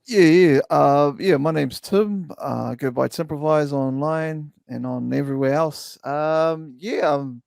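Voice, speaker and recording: A man's voice: on the high side, measured pace, gravelly, few pauses, darkish tone, no echo, clean studio sound. A young man with a New Zealand accent, chatting casually as a podcast guest, slangy and full of restarts. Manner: laid-back slangy, lots of restarts and fillers. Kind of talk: casual chat.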